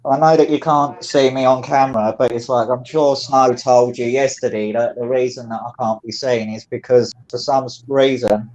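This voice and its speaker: A man's voice: mid-range voice, fairly even intonation, moderate pace, hardly any pauses, a little mellow. A man with a London accent, chatting casually over a phone and rambling with lots of fillers. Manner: rambling, many fillers like "it's like". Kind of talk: casual chat.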